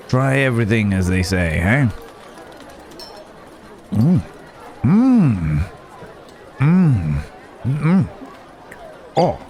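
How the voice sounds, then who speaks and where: A male actor, fairly low-pitched with a darkish tone, plays a lonely, courteous werewolf traveller in a fantasy ASMR roleplay. He muses hesitantly in old-fashioned phrasing, in an immersive, improvised-sounding monologue, while a bustling village market crowd murmurs behind him.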